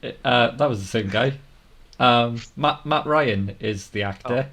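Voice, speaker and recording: A man's voice: medium pitch, unhurried, a bit bright. A man from near Swansea with a South Welsh accent, chatting casually and joking dryly as a podcast panellist. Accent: South Welsh, Swansea area. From Wales, near Swansea. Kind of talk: casual chat.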